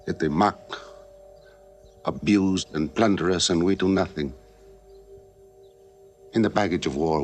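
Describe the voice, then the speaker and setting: An actor playing a fierce middle-aged warrior who speaks in a forceful, commanding way. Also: male voice, very deep voice, heavily acted. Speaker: warrior urging his people to fight. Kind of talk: 1970s film acting.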